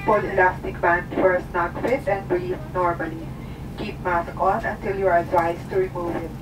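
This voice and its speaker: A woman giving a formal, scripted safety announcement as a flight attendant. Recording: distant cabin PA, loud aircraft noise. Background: loud aircraft cabin rumble.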